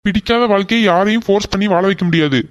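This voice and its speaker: A woman's voice: mid-range voice, fast, natural voice. A woman voicing a fair-minded middle-aged father in a cartoon who reasons with his wife. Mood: reasoning. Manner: reasoning, gently firm.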